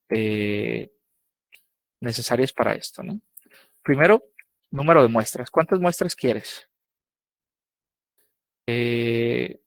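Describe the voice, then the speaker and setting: A man's voice: mid-range voice, no echo. A man teaching a live online coding lesson, casual and checking in with students often.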